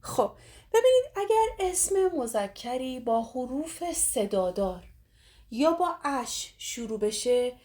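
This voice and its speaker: A middle-aged woman from Iran teaching French grammar. She says French phrases slowly and carefully, then explains quickly in another language. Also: sits high, sing-song, mellow. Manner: slow deliberate French model phrases, quick Persian explanations. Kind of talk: grammar lesson explaining in Persian.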